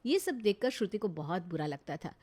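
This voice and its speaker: A woman narrating a family story in a steady, explanatory storytelling manner. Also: fairly low pitch, brisk.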